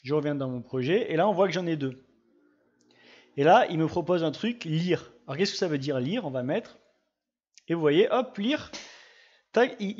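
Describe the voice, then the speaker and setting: A man talks through a software demo in a relaxed, chatty way, narrating every click as he goes. His voice sits a little high for a man. The recording is dull and lo-fi, from a desktop mic. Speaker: GIS tutorial presenter. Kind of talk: casual screen-recorded software tutorial.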